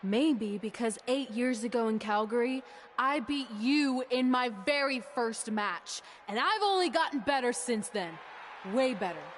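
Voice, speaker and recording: A defiant young wrestler. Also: female voice, fairly high pitch, lively intonation, a little slow, slight background noise. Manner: defiant, taunting.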